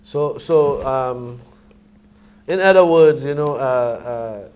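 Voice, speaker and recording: Middle-aged male, Rasta idiom and phrasing, mid-pitched, conversational, emphatic, thinks aloud in halting bursts. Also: darkish tone, clear, resonant tone. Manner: Rasta speech, with "I and I" and "I man" idiom. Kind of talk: casual Rastafari reasoning discussion.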